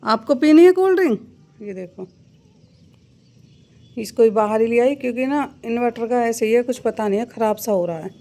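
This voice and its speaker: A woman's voice: fairly high pitch, moderate pace, pauses often, dark tone. A young woman and mother chatting casually in a home vlog, coaxing her children in a sing-song way. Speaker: vlogger and mother. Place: outdoors at home in the rain.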